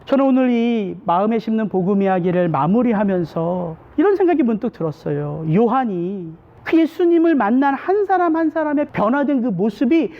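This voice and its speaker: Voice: mid-range voice, expressive, normal speed, hardly any pauses, dull audio. A pastor delivering a Sunday sermon in a church, preaching with many rhetorical questions. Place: church sanctuary.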